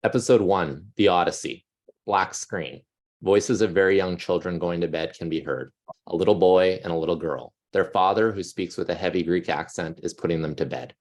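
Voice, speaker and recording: A man running a script table read, calmly giving notes and reading scene directions aloud. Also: sits low, moderate pace.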